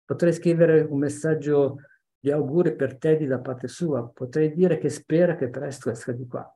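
A man's voice: a little high, steady tone, moderate pace, mellow, natural voice. A man voicing a patient, reasonable adult male visitor in a story read aloud. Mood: calm.

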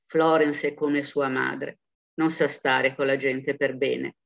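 A man reading a story aloud in an even, quiet narration. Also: medium pitch, slow pace, creaky. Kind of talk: audiobook reading. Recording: muffled, dull recording.

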